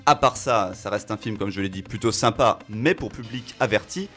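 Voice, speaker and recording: A man reviewing a film on a local radio show, talking in an animated way with fillers as he works through his points. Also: on the low side, moderate pace, faint music behind. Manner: animated, reasoning aloud with fillers. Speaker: film critic.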